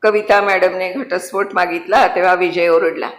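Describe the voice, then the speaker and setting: एक शांत, नम्र कैदी पुरुष, जो आदराने आणि दबक्या आवाजात आपली कहाणी सांगतो, एका स्त्रीने वाचलेला. हे कथावाचन आहे आणि आवाजाला खोलीचा घुमारा आहे. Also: female voice, lowish voice, steady tone, moderate pace, close to an everyday voice. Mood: subdued, solemn. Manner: respectful, subdued, addresses the jailer as sir. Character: humble male convict, quiet, remorseless protector. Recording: roomy echo.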